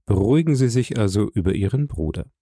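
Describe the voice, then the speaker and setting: A man reading an audiobook, voicing a dignified count who speaks in a measured, gently persuasive way. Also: on the low side, expressive, breathy edge, no room sound, studio quality. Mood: calm. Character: dignified aristocratic older count, calm and kindly. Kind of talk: audiobook character voice.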